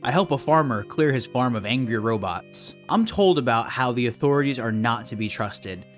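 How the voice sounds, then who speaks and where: A man's voice: medium pitch, lively intonation, normal speed. A man narrating a game video in a scripted, dry and sarcastic way. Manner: dry, sarcastic, mock-suspicious. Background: faint background music.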